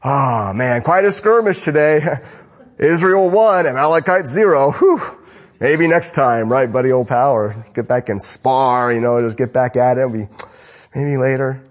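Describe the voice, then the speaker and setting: A man's voice: mid-range voice, unhurried, lightly acted. A man voicing a cheerful, overly friendly enemy king who feels no threat.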